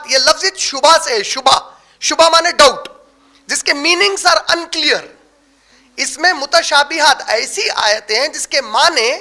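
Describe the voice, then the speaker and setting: In this lecture on prayer rulings, a male Islamic preacher speaks in a very high-pitched, sharp voice. He walks through terms one at a time, asks himself rhetorical questions before answering them, and slows his delivery to emphasize important words.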